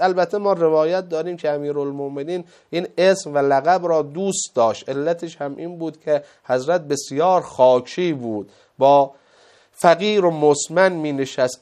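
Guy giving an impassioned sermon, kinda high voice, gets loud then drops real soft, acts out the story bits. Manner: impassioned, swings between loud exclamations and soft low asides; acts out quoted dialogue in the story. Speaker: preacher.

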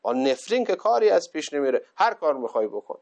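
A man's voice: a little high, sing-song, darkish tone. A man preaching a sermon, telling a religious story and exhorting listeners with rising passion.

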